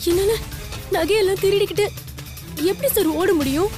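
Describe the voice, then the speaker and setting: A woman's voice: very high voice, normal speed. An actress playing a tearful young daughter-in-law who claims she was beaten, pleading through sobs, over serial music. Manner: sobbing, pleading complaints.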